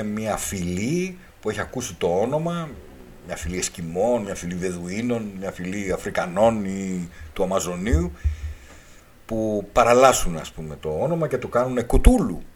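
A man's voice: fairly low pitch, a little mellow. A man hosting a radio talk show, lecturing at length, spelling out letters one by one and repeating his key points. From Greece. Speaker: radio show host and author.

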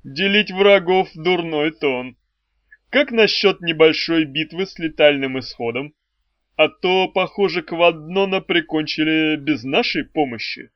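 A man's voice: on the high side, measured pace, no echo, close to an everyday voice. A man voicing a self-assured, mocking lord of darkness with a dry ironic manner. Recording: dry, slightly dull audiobook recording.

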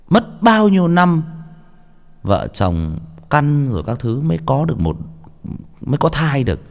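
Young guy, gravelly and low, swings up and down a lot, stumbles over words. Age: young adult. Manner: casual, stammers and repeats words. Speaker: audiobook reader. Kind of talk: rambling spoken monologue.

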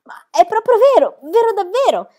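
A woman's voice: high-pitched, moderate pace, voice pushed up, natural voice. A woman voicing an eager, anxious young boy who speaks in a pleading way in a storybook reading.

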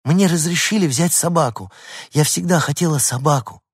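A man voicing an eager, kind young girl in a storybook reading, coaxing and bright. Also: a little high, moderate pace, breathy edge, no room sound, clean studio sound, pitched above the performer's own voice.

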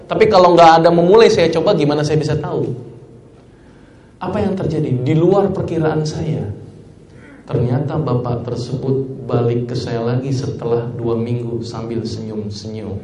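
A man speaking as a doctor in a lively health talk, acting out the dialogue of his stories and joking with the audience. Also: mid-range voice, normal speed, a little hiss or hum. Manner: animated storyteller, acts out dialogue, jokes with audience. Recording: echoey hall, voice from far off.

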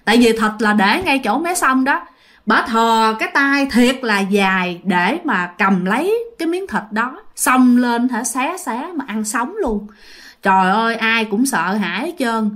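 In a chatty ghost story told directly to listeners, a woman uses a fairly high, slightly bright voice. Her intonation is lively, though her pace is a little slow.

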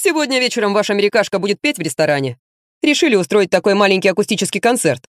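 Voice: mid-range voice, big pitch swings, racing, dry recording, studio quality, lightly acted. A narrator reading the lines of a blunt, sardonic young man who talks in an offhand, mocking way.

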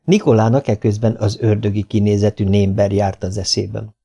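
A man reading a novel aloud as audiobook narrator, measured and even. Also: fairly low pitch, gravelly, breathy edge. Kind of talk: scripted narration.

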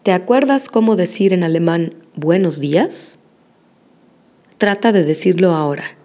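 Slow, patient woman teaching language drills. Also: lowish voice, dark tone. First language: Spanish. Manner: encouraging, models pronunciation slowly and praises.

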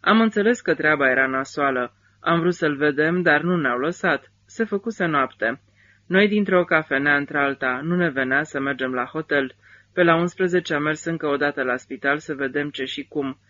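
A man's voice: a little high, sharp tone, dry recording, muffled recording. A man reading a weary, bitter army driver. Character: grieving middle-aged male army driver.

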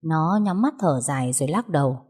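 A woman narrates a novel in an expressive, dramatic storytelling style. Her voice sits low and mellow, with a husky, breathy grain. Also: a little fast.

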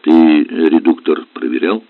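A man's voice: rumbling low, steady tone, measured pace, creaky, no room sound, heavily acted. A man voicing a blunt, short-tempered middle-aged river captain in a storybook reading. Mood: stern. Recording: tinny dry lo-fi audio.

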